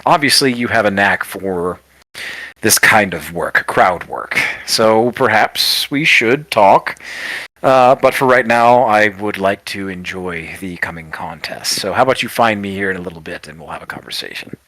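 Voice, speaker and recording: Man doing a sly ringmaster, lower and softer than his own voice, patronizing, dry sound. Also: normal speed, dry recording. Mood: smooth. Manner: accusing, then smoothly patronizing. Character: sly teasing male circus ringleader.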